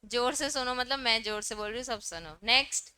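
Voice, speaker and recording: A woman's voice: on the high side, brisk, sharp tone, clear, resonant tone. A young woman teaching a law class, explaining with everyday examples and mixing Hindi and English terms.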